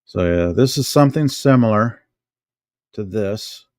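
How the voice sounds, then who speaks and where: Middle-aged american guy, low-ish voice, slow and rambly, dry close sound. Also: lively intonation, a little mellow, no echo. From United States. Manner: unhurried, musing, talks to himself while handling objects. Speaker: vlogger. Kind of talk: casual show-and-tell vlog.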